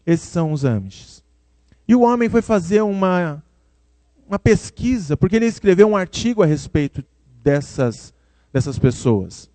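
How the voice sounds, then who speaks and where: Brazilian guy preaching, chatty and friendly, calls people by name, slightly high voice. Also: very animated, moderate pace, dark tone, dry recording. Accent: Brazilian Portuguese. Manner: conversational, addresses listeners by name, acts out quoted voices. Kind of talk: sermon.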